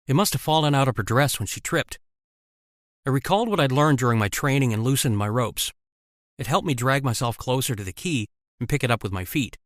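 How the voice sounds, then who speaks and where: A man narrating an animated story in the first person, in a wry, conversational way. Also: mid-range voice, no echo, studio quality.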